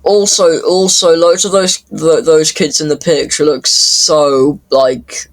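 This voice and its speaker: A man giving casual off-the-cuff commentary in a halting way, stammering and repeating words. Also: a little high, fairly even intonation, poor audio. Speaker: reaction commentator.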